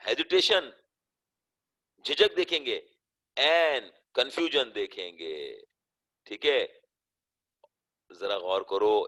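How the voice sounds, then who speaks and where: A middle-aged man teaching an English class. His voice is bright and forward, with pitch that climbs and dips. He stretches out key words and keeps checking that the students follow. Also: low-quality recording. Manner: explains in Urdu mixed with English terms, often asks "theek hai?"; emphatic, rising and falling pitch, drawn-out stressed words. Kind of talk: online class lecture.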